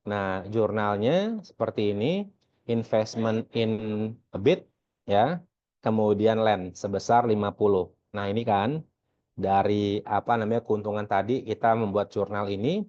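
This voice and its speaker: The recording is dull and lo-fi: an Indonesian man teaching accounting goes through a worked exercise at a measured pace, his lowish voice a little mellow. His delivery is conversational, full of self-answered questions and frequent check-in tags.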